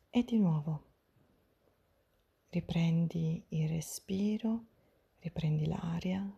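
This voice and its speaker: A woman softly whispering a guided breathing meditation, gentle and soothing, step by step with long pauses, in a breathy, hushed spa-like voice. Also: fairly low pitch. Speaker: guided breathing and relaxation instructor.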